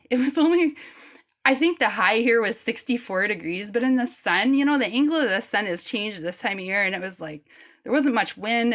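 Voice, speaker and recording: A woman's voice: on the low side, fairly bright tone. A woman vlogger chatting casually as she shows her beach finds, rambling and laid-back, and shrugging off her own mistakes. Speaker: rockhounding vlogger. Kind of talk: casual show-and-tell chat.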